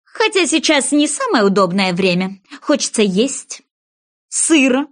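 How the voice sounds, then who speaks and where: Woman voicing a stern storybook mouse, prickly, quick to take offense, lively high voice. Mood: weary. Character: touchy, hungry female mouse storyteller.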